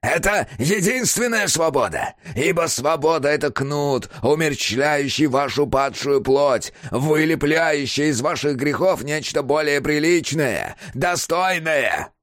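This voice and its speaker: A raving old warden sermonizing about toil and cures, his voice pitched well above a normal man's and swinging wildly, as a man reads him. He is sanctimonious and shrill, an audiobook villain. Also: expressive, unhurried, few pauses, fairly bright tone, no echo, studio quality. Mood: shrieking. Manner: preaching, sanctimonious, rising to shrieks. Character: fanatical old male prison warden, shrieking zealot. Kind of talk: audiobook reading.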